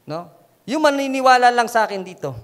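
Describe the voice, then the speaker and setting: A man with a Filipino accent preaching a sermon as pastor, animated and dramatizing the story. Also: very high-pitched, brisk, in a large hall. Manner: switches between preaching and quoting scripture.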